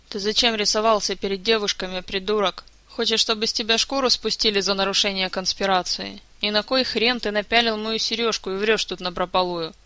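A narrator voicing an injured, foul-mouthed man who rants and swears in a slightly hoarse voice, in an audiobook. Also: high voice, dry recording. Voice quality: slightly hoarse, shouting curses. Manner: ranting, insulting, swearing. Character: furious wounded man, foul-mouthed and grumpy.

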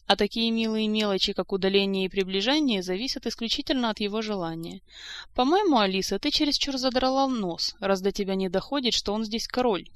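A woman's voice: mid-range voice, no echo, natural voice. Kamila, a woman reading as a drawling, lazy court lady. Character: lazy, indifferent, mocking young court lady.

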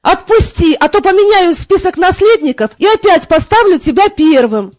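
A woman's voice: extremely high pitch, lively intonation, moderate pace, darkish tone, no room sound. A woman reading an audiobook, voicing a hungover, sarcastic young king who snaps back. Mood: snappish. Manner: snappish, sarcastic.

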